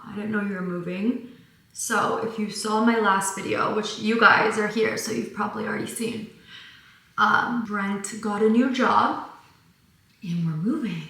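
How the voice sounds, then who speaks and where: A woman's voice: medium pitch, a bit bright. A young woman from Michigan chatting casually while doing her makeup, rambling and filling her talk with "like". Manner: chatty, rambling, heavy use of "like". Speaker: beauty vlogger. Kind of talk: casual get-ready-with-me chat. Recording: very echoey room.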